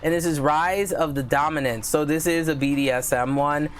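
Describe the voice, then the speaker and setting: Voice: medium pitch, moderate pace, slight background noise. Host of a book channel; casual, filler-heavy live chat, gushing and giggly. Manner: chatty, filler-heavy, keeps addressing viewers as guys.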